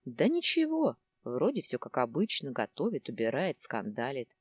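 A woman's voice: a bass voice, wildly swooping pitch, normal speed, husky, no room sound, heavily acted. A woman reading the part of a worried, complaining middle-aged husband in a storybook.

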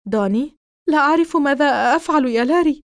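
A woman's voice: high voice, lively intonation, quick pace, dry recording, studio quality, voice pushed up. A woman reading an audiobook voices a worried young man who talks urgently and tries to reassure. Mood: alarmed.

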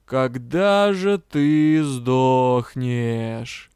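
A man voicing an ancient, sullen water spirit that speaks in a very slow, grim drawl. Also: medium pitch, fairly even intonation, a little mellow, smooth, no room sound, studio quality.

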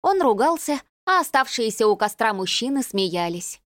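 A woman narrating an audiobook in a measured, even reading. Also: on the high side, no room sound, studio quality. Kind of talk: scripted narration.

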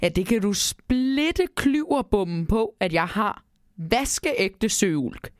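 A woman voicing a gruff, grumbling old grandfather who was a sailor. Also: expressive, no echo, studio quality, lightly acted. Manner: grumbling, low rumbling.

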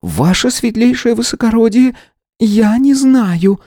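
Робкая, перепуганная полноватая женщина лет сорока, которую изображает мужчина-чтец, отвечает высоким, сдавленным голосом, заикаясь и подобострастно. Персонаж аудиокниги, голос звучит высоко и чуть отдалённо. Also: male voice, extremely high pitch, measured pace, mellow, no echo, studio quality, voice pushed up. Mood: frightened. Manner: frightened, stammering, deferential. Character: timid plump forty-year-old woman clerk. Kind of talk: audiobook character voice.

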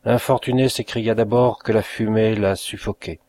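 A man reading a classic novel aloud, in a measured and expressive narration. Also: lowish voice. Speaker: audiobook reader. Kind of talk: scripted narration.

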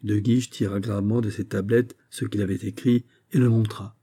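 A man narrating a classic novel as an audiobook, in measured, expressive storytelling. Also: on the low side, breathy edge.

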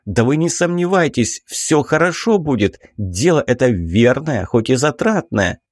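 A man's voice: mid-range voice, big pitch swings, measured pace, no room sound, studio quality, voice pushed up. A man reading an audiobook, voicing a cautious, timid investigator who talks in a hesitant, placating way. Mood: persuasive. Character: cautious middle-aged male investigator, timid.

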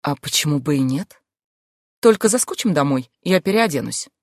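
A woman's voice: low voice, expressive, moderate pace, a little mellow, no echo. A woman voicing a teasing, ironic young female friend in an audiobook, with a dry, close sound. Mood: playful. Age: young adult. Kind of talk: audiobook character voice.

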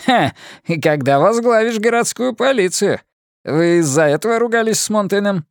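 A sly newspaper editor, as a male narrator puts him on in an audiobook. He talks in a teasing way with playful mock surprise, his pitch raised and lively. The recording is close and dry. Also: moderate pace, clean tone, dry recording.

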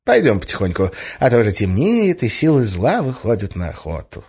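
A man's voice: fairly low pitch, wildly swooping pitch, fairly quick, a little mellow, breathy edge, full character voice. A man voicing a playful, sly young witch woman in an audiobook, teasing and coaxing in a lilting tone. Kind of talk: audiobook character voice. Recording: slightly muffled lo-fi recording.

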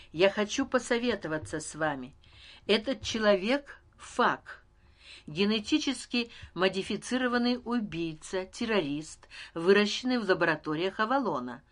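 A woman reading an audiobook, voicing a female ruler who speaks to a crowd in a soft, intimate, measured way. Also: medium pitch, lively intonation, lightly acted. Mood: solemn. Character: female ruler addressing crowd, calm, persuasive.

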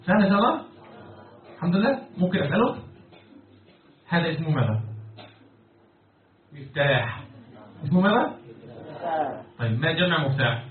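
A man's voice: fairly high pitch, sing-song, brisk, long pauses. A man with an Egyptian accent teaching Quran commentary and Arabic morphology, often stopping to quiz his students. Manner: keeps quizzing students and pressing them for answers. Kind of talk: classroom lecture with questions to students. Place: lecture hall with students. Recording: echoey, distant, phone-like, crowd noise.

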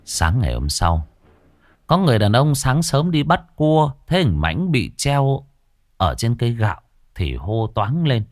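A man's voice: medium pitch, very animated, a little slow, no room sound, clean studio sound, faint music behind. A man telling a ghost story, dramatic and vivid with earthy humor.

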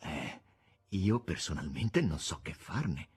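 A calm, weary woman, as a male reader voices her. She speaks quietly and without fuss. The voice is husky and low. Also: slow, exaggerated voice.

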